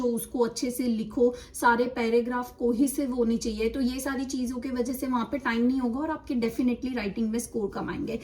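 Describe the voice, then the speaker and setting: A woman's voice: on the high side, a little mellow, distant mic. A young woman giving chatty exam tips, switching between Hindi and English as she talks. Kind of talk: casual instructional talk.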